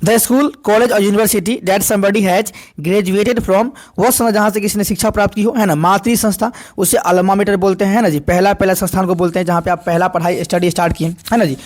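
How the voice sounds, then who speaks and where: A male teacher runs an exam-prep vocabulary lesson. He reads definitions slowly and then drills each answer again and again in call-and-response fashion. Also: high-pitched, fairly even intonation. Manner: repetitive call-and-response questioning, slow over English definitions.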